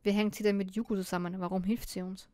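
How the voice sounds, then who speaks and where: A woman's voice: mid-range voice, flat delivery, fast, dark tone, no echo, close to an everyday voice. A woman reading a wry young man's inner monologue. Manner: storytelling, self-mocking. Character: young male hacker narrating his inner thoughts, wry.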